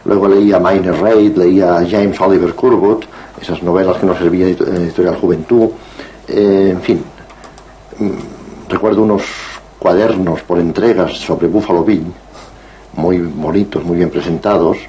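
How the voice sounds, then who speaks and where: A man in his sixties from Barcelona talks slowly through his memories as an interview guest, pausing and restarting as he searches for words. His voice sits low and mellow. A faint hiss of noise sits behind him. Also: fairly even intonation, low-quality recording. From Barcelona, Spain. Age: 60s. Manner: measured and digressive, with frequent hesitations. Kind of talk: reflective interview conversation.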